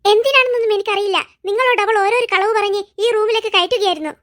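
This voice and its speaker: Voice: extremely high pitch, very fast, a bit bright. A voice actor voicing a cheeky, know-it-all young man in a comic cartoon, talking in a bossy, teasing and scolding way. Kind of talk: cartoon voice acting.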